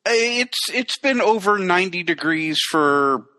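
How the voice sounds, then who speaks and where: Man hosting a podcast, bright, slightly high voice, easygoing casual chat. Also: expressive, a little slow. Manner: easygoing, laughs along. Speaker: podcast host.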